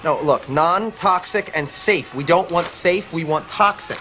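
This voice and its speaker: A man's voice: fairly high pitch, measured pace, sharp tone, slight background noise. An actor playing a bossy sitcom man who bickers in a lecturing, matter-of-fact way. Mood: bickering. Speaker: sitcom character.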